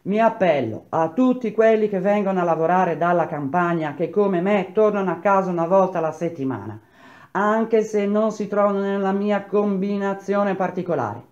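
A man's voice: sits high, normal speed, darkish tone, close to an everyday voice. A man reading as an indignant country laborer, muffled lo-fi. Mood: pleading.

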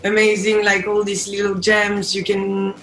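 This young Frenchwoman, a band singer being interviewed by video call, talks casually in a French accent. Her medium-pitched voice is monotone, unhurried, and fairly bright, coming from a room by a window where echo and background music are audible.

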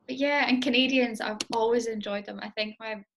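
A woman's voice: fairly high pitch, fairly even intonation, a little fast, vocal fry, noisy background. A young woman answering interview questions about her dancing in a chatty, self-deprecating way, with plenty of ums. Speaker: interview guest, competitive Highland dancer.

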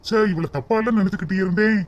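A man's voice: high-pitched, quick pace, lo-fi sound, very noisy, natural voice. A man voicing an earnest, naive young husband in a cartoon. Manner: eager, naive. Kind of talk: cartoon voice acting.

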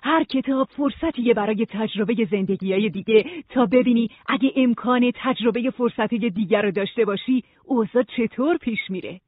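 Calm older librarian woman, as a reader puts her on, slow soothing, husky voice, phone-like sound. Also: medium pitch, no room sound, lightly acted. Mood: explaining. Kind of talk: audiobook reading.

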